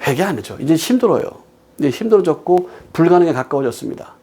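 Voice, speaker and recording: Middle-aged male pastor, slightly high voice, chatty sermon commentary full of anecdotes and pointed rhetorical questions. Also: big pitch swings, fast talker, dark tone, breathy edge. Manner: storytelling with quoted dialogue, emphatic rhetorical questions.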